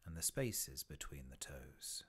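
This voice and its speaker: A bass-voiced man, expressive in delivery, conducts a guided body scan meditation. His pacing is gentle and unhurried, with short phrases, long gaps, and soft, breathy finishes.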